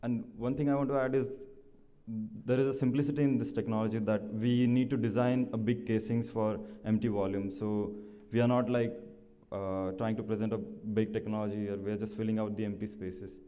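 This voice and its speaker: A man presenting a startup, answering questions at a pitch competition in halting, explanatory, slightly non-standard English. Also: little pitch movement, warm tone. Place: large conference hall. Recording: echoey hall, long reverb.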